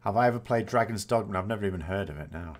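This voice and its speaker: Talking very fast in a lowish voice, a man in his 40s rambles casually while fielding viewer questions as a gaming host. He keeps correcting himself, usually with a dry jab at his own expense.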